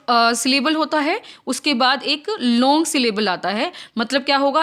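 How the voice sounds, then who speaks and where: High-voiced Indian woman teaching literature. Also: sharp tone. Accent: Indian English. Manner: explains in mixed Hindi and English, asks and answers her own questions; reads English question lines slowly and deliberately. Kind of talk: exam-prep literature lesson.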